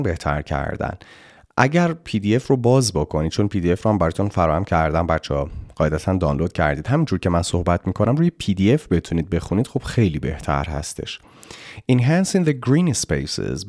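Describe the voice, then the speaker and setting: A man teaching an English exam lesson, explaining vocabulary and reading English phrases slowly and deliberately. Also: deep voice, a little mellow, no room sound, studio quality. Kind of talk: online language lesson.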